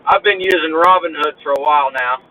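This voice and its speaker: A man drives his truck on the road while casually chatting with his live-stream viewers, greeting them by name. His voice is fairly high and brisk with a drawl, captured by a phone as a dull recording with road noise.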